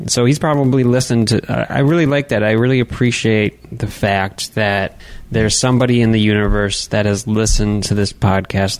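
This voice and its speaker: Young guy hosting a goofy podcast, rambly, jokey, fake-annoyed, talking into a mic. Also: on the low side. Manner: rambling, joking, mock-exasperated. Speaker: podcast host. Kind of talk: casual podcast chat. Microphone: studio microphone.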